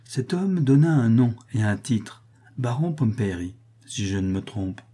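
A man's voice: medium pitch, expressive, unhurried, warm tone, breathy edge. A man voicing a shrewd, coolly logical male detective in an audiobook, reasoning aloud in a lofty, didactic way. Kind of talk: audiobook reading of a detective novel.

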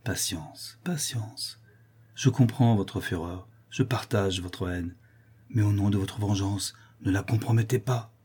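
A man voicing a calm, kindly noble protector who speaks softly and gently in a storybook reading. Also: fairly low pitch, measured pace, long pauses, slightly rough. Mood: gentle.

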